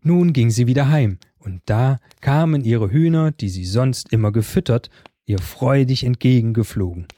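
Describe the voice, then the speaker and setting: Male storyteller, calm fairy tale reading, dark mellow tone, dry close sound. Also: medium pitch, normal speed, no room sound.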